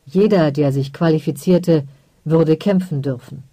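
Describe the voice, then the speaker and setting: A woman narrating a science fiction audiobook in a calm, measured way. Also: deep voice, dry recording. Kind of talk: scripted narration.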